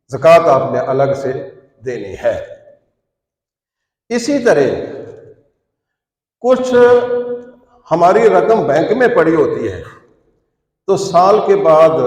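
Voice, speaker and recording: A man's voice: a little high, darkish tone. A man from Pakistan giving a Friday sermon in a large mosque, explaining rules step by step and pushing his voice up on key points. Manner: instructive, rising emphatic peaks on key points. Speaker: preacher. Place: large mosque prayer hall. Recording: echoey mosque hall from far off.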